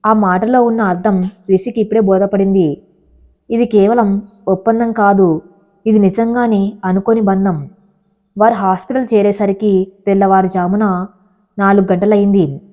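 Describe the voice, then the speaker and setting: A woman narrating an emotional love story in a steady, measured way. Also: mid-range voice, dull audio.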